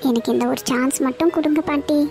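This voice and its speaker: A woman's voice: high voice, fast, gravelly, darkish tone, faint music behind. A woman voicing a remorseful young college girl in a cartoon, who pleads and apologizes. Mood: pleading.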